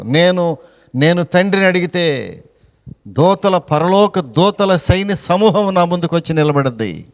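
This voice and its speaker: A man preaches with passion from a church pulpit, his voice high and smooth. He leans on repeated phrases and slips in English words. A long reverb from the church hall trails each line. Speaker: pastor. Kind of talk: sermon. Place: church sanctuary.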